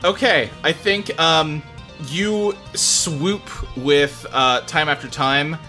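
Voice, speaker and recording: A man's voice: a little high, slow pace, bright, forceful tone, soft background music. A man improvising narration as game master in a hesitant, conversational way.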